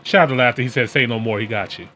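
A man's voice: mid-range voice, very fast, pushed and bright. An American man hosting a podcast, chatting casually in a colloquial, slangy way. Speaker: podcast and reaction video host. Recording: clear background noise.

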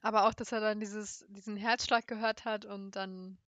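A woman's voice: mid-range voice, level tone, normal speed, a bit bright, no echo, lo-fi sound. A young woman who reads a story aloud with building intensity and chats casually about it. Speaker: story reader. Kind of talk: dramatic story reading and casual chat.

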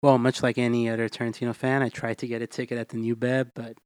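A man's voice: medium pitch, level tone, quick pace, darkish tone, no room sound. A man chatting casually as a film-loving podcast guest, with slangy, conversational phrasing. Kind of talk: casual chat.

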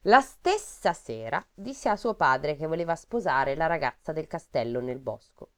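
A woman's voice: low voice, expressive, normal speed. A woman reading a fairy tale aloud in a casual comic chat, breaking off for sarcastic asides.

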